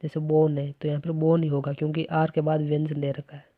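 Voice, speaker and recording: Lesson teacher, methodical explainer, flat delivery, thin phone-quality sound. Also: medium pitch, brisk, no room sound. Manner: explains step by step with repeated "है ना" checks. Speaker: English teacher. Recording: dry, tinny phone-like recording.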